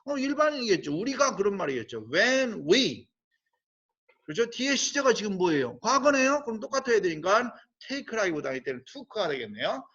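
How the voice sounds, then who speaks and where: Guy teaching english grammar, high voice, bouncy, asks questions then answers them himself, slightly muffled recording. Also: sing-song, a bit bright, slightly rough. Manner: explains step by step with frequent rhetorical questions; slowly spells out English phrases.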